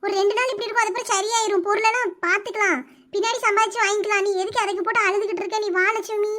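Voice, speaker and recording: A woman's voice: extremely high pitch, steady tone, rapid-fire, bright, forceful tone. A woman doing a soothing neighbor auntie. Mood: reassuring. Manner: soothing, bossy. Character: kind older village neighbor woman, reassuring. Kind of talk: cartoon voice acting.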